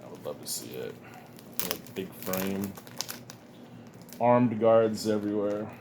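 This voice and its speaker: A comic collector vlogger with a lowish voice and measured pace chats casually while showing off his haul of comics and cards, with background noise behind him. He is relaxed and rambling, chuckling often, and sounds a bit sniffly from dust.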